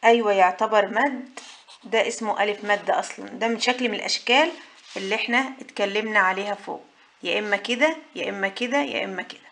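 A woman's voice: mid-range voice, fast talker, a bit bright. A woman with an Egyptian Arabic accent teaching a patient lesson, asking questions and answering them herself. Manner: patient, asks and answers her own questions. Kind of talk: whiteboard lesson for mothers.

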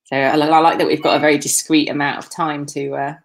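A woman's voice: low-pitched, little pitch movement, fast. A woman, hosting an online festival from her home kitchen over a webcam, chatting casually with lots of fillers and jokes. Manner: chatty, jokey, frequent fillers and laughs. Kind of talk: casual live-stream chat. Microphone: laptop webcam video call.

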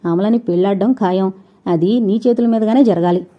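A woman's voice: medium pitch, normal speed, lightly acted. A woman voicing a brash, scornful young man who talks in a taunting, insistent way. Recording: dull lo-fi recording.

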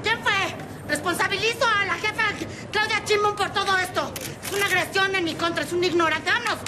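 Very shrill bullying politician. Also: female voice, steady tone, a little fast, background noise. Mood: outraged. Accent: Mexican. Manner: haranguing, repeating demands. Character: tyrannical, vain, bullying female politician. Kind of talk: political parody sketch. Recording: loud crowd and music behind.

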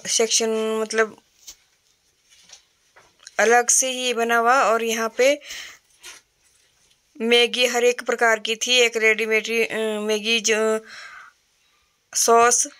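A middle-aged woman from Himachal Pradesh, India, vlogs a casual walkthrough of an indoor retail store on her phone. She chats plainly with fillers in a slightly high, somewhat bright voice.

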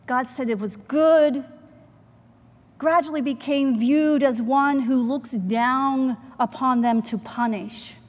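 A woman pastor with a high voice gives a slow, earnest sermon in a church sanctuary in front of the chancel, measured and marked by deliberate pauses. The sound comes from a pulpit microphone and a far camera, carrying long church hall reverb.

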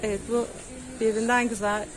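Brief: woman travel vlogger, slightly high voice, chatty and upbeat toward viewers, outdoor street on a handheld camera. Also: little pitch movement, brisk, a crowd in the background. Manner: chatty, addresses followers directly, promotes market stalls. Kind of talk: walking tour vlog narration. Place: outdoor seaside market street.

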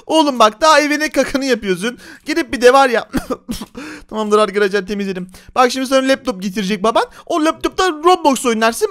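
A man's voice: extremely high pitch, a bit bright. A man hosting a Minecraft role-play, chatty and teasing, talking to his viewers. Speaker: game role-play host and narrator.

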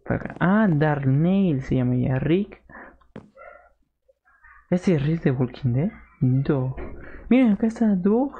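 Excitable male gaming streamer. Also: on the high side, takes it slowly, pauses often, husky, narrow, tinny audio. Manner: excitable, yelps and shrieks in panic; chats with live viewers. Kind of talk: live gameplay commentary.

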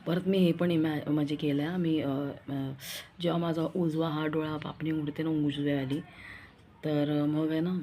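Low, dark-voiced woman chatting casually. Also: little pitch movement, moderate pace, a little hiss or hum. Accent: Marathi. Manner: rambling, confiding, repeats herself. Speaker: vlogger. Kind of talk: casual vlog chat.

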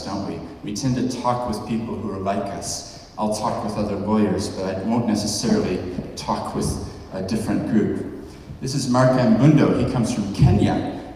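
On stage in a large hall, a New Zealand podcast host in his forties chats through his conference talk and asks the audience questions. His mid-range voice has a darkish tone, and slight background noise mixes with the echoey, distant sound of a handheld mic heard from afar.

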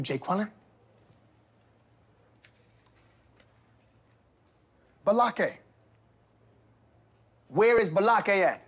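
A man playing a strict, combative middle-aged substitute teacher from an inner-city school in a comedy sketch, stern and husky as he barks at the class. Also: high-pitched, fairly bright tone, exaggerated voice. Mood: stern, suspicious. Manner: stern substitute teacher barking roll call.

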